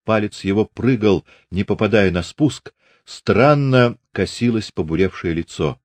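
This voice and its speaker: A man with a fairly low voice reads literary prose at a steady, measured pace. The recording is close and dry, with no room sound. He sounds like an audiobook narrator. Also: no room sound.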